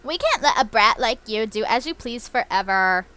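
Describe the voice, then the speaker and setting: A woman's voice: fairly high pitch, animated, normal speed, pushed and bright. A woman reading aloud the lines of a scheming female villain from a game, in a mock-menacing tone. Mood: taunting.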